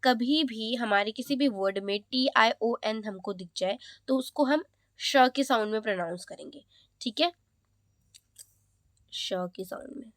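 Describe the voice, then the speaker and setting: A woman with an Indian accent teaching English pronunciation rules. She explains each rule in Hindi, then reads it out slowly in English, and checks in with "okay" again and again. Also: on the high side, a bit bright, no echo. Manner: slows down to read rules aloud in English, repeats "ठीक है". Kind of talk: classroom explanation.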